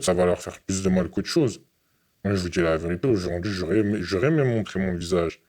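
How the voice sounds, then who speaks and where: A young man from France giving an earnest, halting interview testimony, often repeating his words. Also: low voice, darkish tone.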